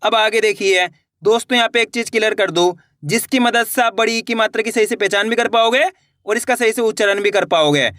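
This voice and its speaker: A Hindi reading teacher in a children's lesson, sounding out every word very slowly and then explaining at speed. The voice is bright and very crisp. The recording is dry and close, with almost no room sound. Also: mid-range voice, dry recording. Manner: asks rhetorical questions and answers them.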